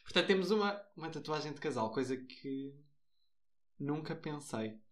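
A man's voice: on the high side, lively intonation, moderate pace. A man with a European Portuguese accent co-hosting a podcast in casual chat, teasing and playful. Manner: teasing, playful, mock-exaggerated. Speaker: podcast co-host.

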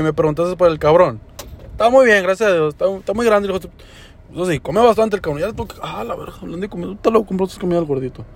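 Slangy young man, gravelly. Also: fairly high pitch, a little hiss or hum. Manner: slangy, swears often, says "güey" constantly. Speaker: podcaster. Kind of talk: casual storytelling monologue.

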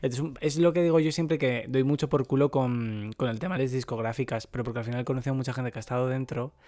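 A man co-hosts a casual podcast chat, speaking at an ordinary middle pitch. He gives his opinions in a measured, earnest way. The recording is close and dry, with no room sound. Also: steady tone, a little mellow, no room sound.

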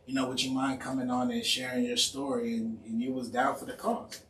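A man hosting a podcast, chatting casually in a slangy, easygoing way and filling his talk with "you know". His voice sits at an ordinary middle pitch. It is picked up from a distance in a roomy space with a faint hiss behind it. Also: little pitch movement, fairly quick, a bit bright. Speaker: podcast host. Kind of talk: casual interview chat.

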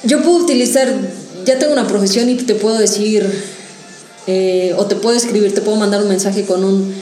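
Woman pushing back in a podcast debate, warm mellow voice, roomy echo, quiet music under it. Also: medium pitch, steady tone, fairly quick. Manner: argumentative, acts out hypothetical quotes. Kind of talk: casual debate chat.

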